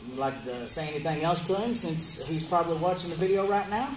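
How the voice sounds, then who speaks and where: Hosting a wrestling promo interview, a man announces upcoming matches and questions a wrestler. He talks fast in a fairly high voice, in an echoey room with music playing behind him.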